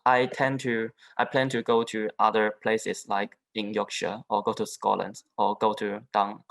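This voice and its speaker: A young man from southern China, a native Chinese speaker, giving a halting panel talk as an international student, with frequent restarts and fillers. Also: on the low side, level tone, creaky, fairly bright tone, rough recording. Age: young adult. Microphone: video call.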